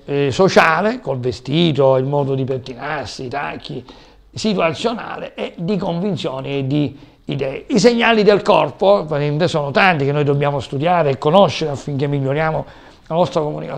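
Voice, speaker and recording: Guy lecturing a class, kinda high voice with lots of fry, stops and starts a lot. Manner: explanatory, lists terms with frequent hesitations. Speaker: lecturer on communication.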